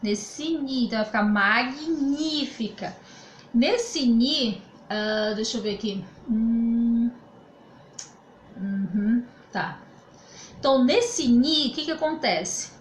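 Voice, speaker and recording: A Brazilian woman with a fairly high voice teaches grammar from home, patient and explanatory, often pausing to check that her students follow. Her voice bounces around a roomy space, with a faint hum of ambient noise behind her. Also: animated. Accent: Brazilian Portuguese. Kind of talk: remote grammar lesson. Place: home room during quarantine.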